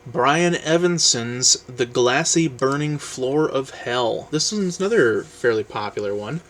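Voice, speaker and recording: A man vlogging about books in a rambling, casual way, full of ums and trailing off quietly. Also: medium pitch, lively intonation, unhurried, slight background noise. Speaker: book vlogger. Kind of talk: casual book review chat, reading blurbs aloud.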